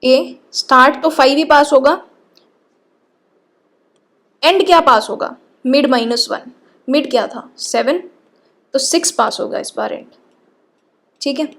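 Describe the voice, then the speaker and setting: High-voiced woman teaching code. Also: normal speed, a bit bright. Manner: explains patiently, often checks in with "ठीक है". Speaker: programming teacher. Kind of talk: lecture, walking through code step by step.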